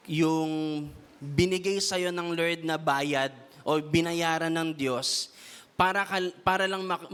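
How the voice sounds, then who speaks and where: Male youth preacher, slightly higher voice, smooth and resonant, drawn-out emphasis on key lines. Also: a bit bright. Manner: repeats a questioning "no?" tag; has the congregation repeat lines to their neighbor. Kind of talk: Taglish sermon.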